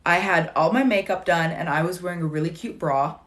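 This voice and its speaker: Woman, late 30s, livestream host; casual, joking, rambling delivery, lowish pitch. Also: fairly quick, fairly bright tone. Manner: chatty, wry and digressive, with dry jokes. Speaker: livestream host answering viewer questions.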